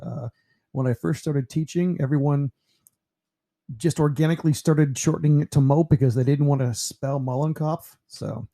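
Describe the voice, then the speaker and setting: A man of about fifty from New York, a teacher narrating a slideshow about himself in a relaxed, rambling way with lots of fillers. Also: fairly high pitch, normal speed, vocal fry. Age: 50s.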